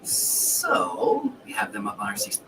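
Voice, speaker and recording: A man's voice: medium pitch, expressive, moderate pace, recorded from a distance. A man hosting a casual livestream in a rambling, self-correcting way, with the hiccups. He sits a bit back from the mic. Faint noise hums underneath. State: has the hiccups. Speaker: livestream host.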